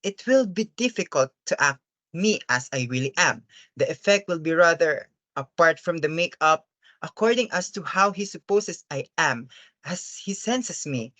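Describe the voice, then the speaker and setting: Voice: mid-range voice, lively intonation, moderate pace, fairly bright tone, dry recording, close to an everyday voice. An earnest, troubled father from a stage play, as acted by a performer. He speaks formally and deferentially, hesitating and pleading. The sound is close and dry. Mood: courteous, troubled. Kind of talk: dramatic stage-play reading.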